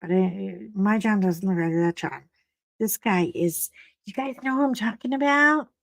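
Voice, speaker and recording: On her laid-back live stream, a middle-aged woman talks to viewers and shares a story, her greetings marked by big pitch swoops. Her voice is slightly froggy and creaky, her pace unhurried, and there's no room sound.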